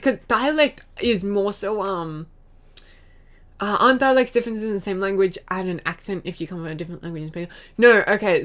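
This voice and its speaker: A woman's voice: lowish voice, fairly bright tone. A young Australian woman streaming, chatting casually with her audience, giggling often and rambling through fillers and restarts. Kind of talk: casual chat reading chat messages.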